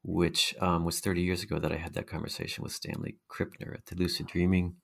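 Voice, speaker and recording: A man's voice: low-pitched, flat delivery, fast, creaky, fairly bright tone. A middle-aged man with a hypnotic, mesmerizing voice, answering interview questions conversationally as a guest researcher.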